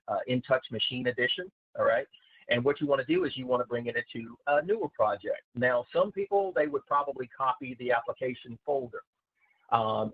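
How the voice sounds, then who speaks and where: A man giving a software webinar as a systems consultant, halting with many filler sounds, his voice heard through a recorded online meeting. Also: medium pitch, slightly rough, dry recording. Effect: voice heard through a recorded online meeting's screen-share session. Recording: tinny, dry online-call audio.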